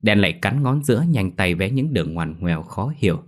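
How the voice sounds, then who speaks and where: Low-voiced man narrating a horror tale. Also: lively intonation, fairly quick. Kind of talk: scripted horror story narration.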